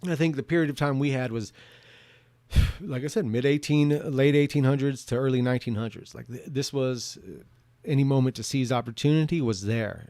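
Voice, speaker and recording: A man giving a rambling, off-the-cuff opinion monologue, often halting, repeating words and restarting his sentences. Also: mid-range voice, dark tone, no room sound. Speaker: video commentator answering viewer questions.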